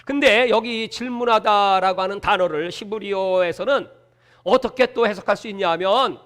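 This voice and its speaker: A male pastor delivering a sermon with animated, dramatic storytelling. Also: high voice, moderate pace.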